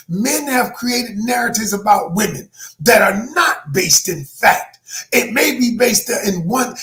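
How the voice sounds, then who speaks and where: His voice sits high. He's a man in his sixties coaching viewers through a motivational talk, preachy and emphatic, calling them "y'all" and shifting from hushed passages to shouted ones.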